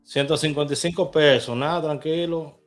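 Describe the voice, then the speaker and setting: A man's voice: a little high, steady tone, normal speed, soft background music. A man in a casual vlog, chatting to viewers as he walks through placing lottery bets on his phone, from inside a car. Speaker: vlogger. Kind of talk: casual screen walkthrough.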